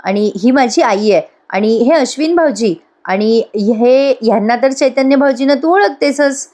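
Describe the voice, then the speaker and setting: A woman voicing a kind young pregnant wife who talks warmly and coaxingly. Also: fairly high pitch, a little slow, natural voice. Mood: gentle.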